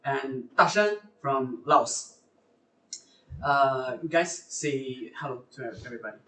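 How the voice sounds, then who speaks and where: A man's voice: medium pitch, animated, takes it slowly, pushed and bright. A man hosting a live university recruitment lecture, speaking hesitantly with fillers and self-corrections. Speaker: host. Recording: roomy sound from far off the mic.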